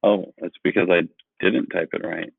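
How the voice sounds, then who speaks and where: A man's voice: low voice, steady tone, normal speed, creaky, husky, no echo. A male teacher leading an online grammar lesson, explaining patiently and asking the class questions. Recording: dry, phone-like sound.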